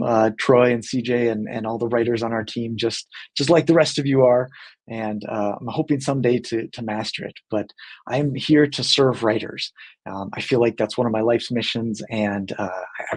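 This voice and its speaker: A man talking casually to the camera in an earnest, friendly way, with many fillers and restarts. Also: mid-range voice. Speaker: company team member hosting a video segment.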